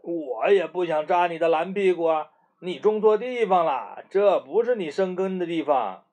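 A man's voice: high voice, lively intonation, normal speed, a little mellow. A man voicing an apologetic spiky plant in a children's story. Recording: muffled lo-fi recording.

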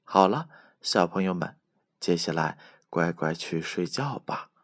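A man reading a bedtime story aloud for children, in a gentle, sing-song storytelling manner. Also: deep voice, animated, measured pace, no echo, clean studio sound.

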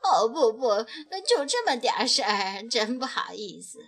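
A woman's voice: on the high side, sing-song, unhurried, gravelly, a bit bright, heavily acted. A woman voicing a shy, humble old god of poverty who talks bashfully and apologetically in a storybook reading.

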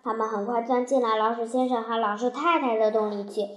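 A woman narrating a children's story with a lively, expressive delivery. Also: fairly high pitch, a little fast, roomy sound, faint music behind.

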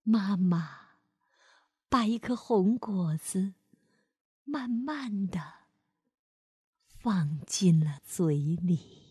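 A woman storyteller narrating a bedtime story for children, speaking gently and expressively and calling the listener "baby". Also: mid-range voice, lively intonation, extremely slow, long pauses, breathy edge, dry recording, clean studio sound.

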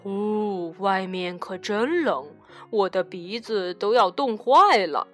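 A woman voicing a kindly male hedgehog who feels the cold, speaking low and drawn-out in a children's storybook. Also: lively intonation, soft background music. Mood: grumbling. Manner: slow, lowered, drawn-out delivery. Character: chilly sniffling male hedgehog neighbor, kindly.

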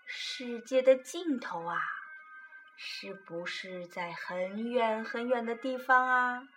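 Woman as an anxious mother fox, storybook, slow and soft. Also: on the high side, slight background noise. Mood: worried, gentle.

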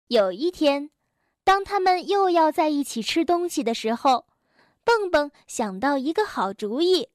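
A woman reading a children's story aloud to kids, gentle and unhurried. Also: high voice, big pitch swings, no room sound, studio quality.

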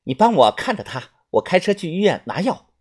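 A narrator voicing a tense, guarded young woman in an audiobook, brisk and quick to alarm. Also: on the low side, very animated, darkish tone, husky. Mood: urgent. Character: Ah Chun, a tense young woman, sister-like protector. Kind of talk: audiobook character voice.

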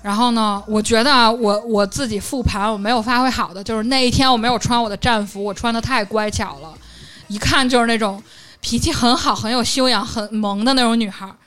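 A young woman recounts a story in a lively, animated way, bouncing into the voices of the people she quotes. Her voice sits a little high, and faint music plays under the talk. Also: brisk. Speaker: podcast co-host. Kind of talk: casual storytelling chat.

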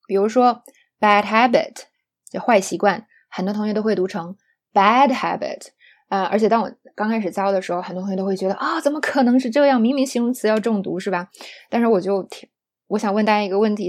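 A woman teaching an online pronunciation lesson, explaining patiently, often asking "right?", and slowing down to demonstrate English examples. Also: mid-range voice, mellow. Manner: explanatory, rhetorical tag questions; switches to slow English demonstrations.

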